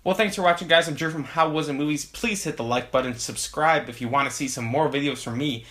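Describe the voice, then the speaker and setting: A man's voice: a little high, quick pace, fairly bright tone. A young man giving a casual video movie review, sarcastic and laughing while he talks.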